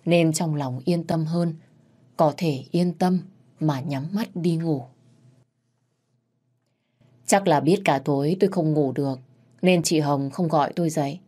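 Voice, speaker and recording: A woman telling a scripted horror story in a measured, suspenseful way. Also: deep voice, dark tone.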